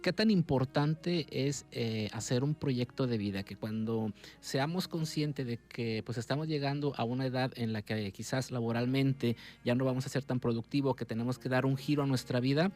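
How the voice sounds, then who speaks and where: A man's voice: mid-range voice, a little mellow. A man hosting an interview, posing questions and backing his guest with short agreeing sounds. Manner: leading questions, frequent agreeing "ujú". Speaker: host.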